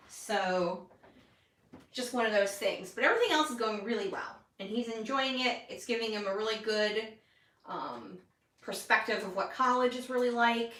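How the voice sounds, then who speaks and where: A woman's voice: a little high, fairly bright tone, distant mic. Chatty woman in an echoey room. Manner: chatty and rambling, self-deprecating asides. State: hiccuping. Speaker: scrapbooking vlogger. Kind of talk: casual chat while crafting.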